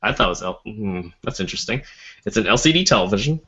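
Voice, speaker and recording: A man's voice: fairly low pitch, lively intonation, quick pace, sharp tone, breathy edge. A man co-hosting a casual tech podcast, presenting news items from his notes with frequent fillers and hesitations. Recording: dull lo-fi podcast audio.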